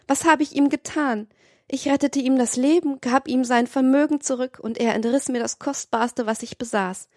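A woman's voice: sits high, steady tone, normal speed, no room sound, clean studio sound, voice pushed up. A woman reading as a young, innocent, wronged woman who prays tearfully and pleads with heaven. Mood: anguished. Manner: tearful, imploring prayer. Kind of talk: dramatized audiobook reading.

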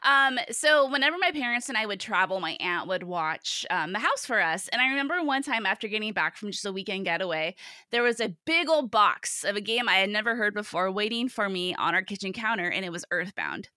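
A woman chatting casually and excitedly as a podcast guest, telling stories in a gravelly voice while congested with a cold. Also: medium pitch, brisk, no room sound, clean studio sound. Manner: animated, exclamatory. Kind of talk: casual chat, storytelling.

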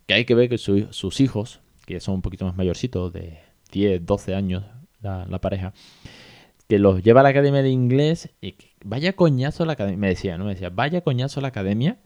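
A man's voice: on the low side, a little mellow. A man from Spain hosting a casual solo podcast, chatty and swearing casually as he acts out the people he quotes. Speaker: podcast host. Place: hotel room.

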